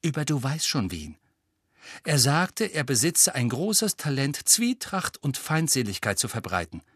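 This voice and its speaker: A clever, bossy teenage witch who lectures her friends in a raised, brisk voice, as a male audiobook narrator puts her on. Her pitch climbs well above his own and swings widely. The sound is dry and close. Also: very animated, a bit bright, husky, dry recording, exaggerated voice. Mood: lecturing. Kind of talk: audiobook character voice.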